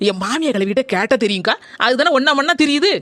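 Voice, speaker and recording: A practical young wife in a cartoon, voiced by a woman, matter-of-fact and very quick. She speaks with a southern Tamil accent in a bright, fairly high voice. The recording is dry and close. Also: lively intonation, dry recording. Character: practical young wife, tolerant of her mother-in-law.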